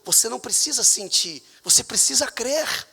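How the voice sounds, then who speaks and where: A man with a Brazilian Portuguese accent preaching a sermon as pastor in a church, with emphatic, sudden loud high outbursts. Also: lively intonation, normal speed, gravelly, husky, long reverb tail. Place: church hall.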